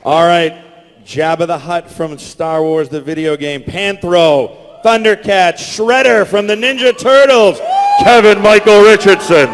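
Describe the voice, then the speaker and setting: On a large convention hall stage, a high-voiced male host and creator announces a live panel at a measured pace, projecting loudly to hype the crowd. He uses a stage microphone through the PA, and the hall's long reverb makes it echoey.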